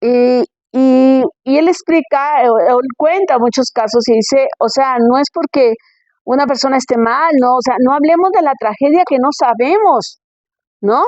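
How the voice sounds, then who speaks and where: A woman's voice: high-pitched, normal speed, darkish tone, no room sound, lo-fi sound. A woman pastor giving a conference sermon in a conversational way, firing rhetorical questions at her listeners.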